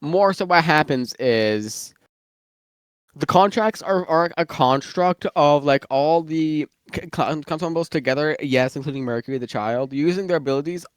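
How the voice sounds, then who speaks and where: A man's voice: a little high, moderate pace, smooth, no echo. Male, casual rambler, slightly muffled from eating, dry close recording. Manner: rambling, many fillers and restarts. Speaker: guest worldbuilder. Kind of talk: casual chat about fictional lore.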